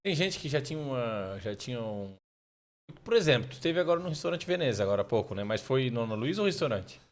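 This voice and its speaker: A man co-hosting a podcast, chatting casually and telling lively anecdotes. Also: mid-range voice, fast talker. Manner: lively anecdote-telling, says "cara" a lot. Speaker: podcast co-host. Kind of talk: casual chat.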